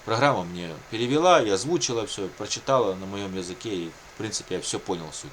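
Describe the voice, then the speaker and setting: A video blogger whose first language is Russian talks casually to his audience about his own situation, circling back over points and using frequent catchphrases in a rambling way. His lowish voice is expressive and quick, with a slight hiss or hum.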